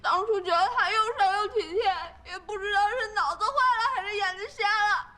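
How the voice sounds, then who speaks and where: A woman's voice: high voice, lively intonation, fast, a bit bright. An actress in her late twenties playing a heartbroken businesswoman who sulks and complains tearfully. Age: late 20s. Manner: tearful and whiny. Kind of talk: television drama acting.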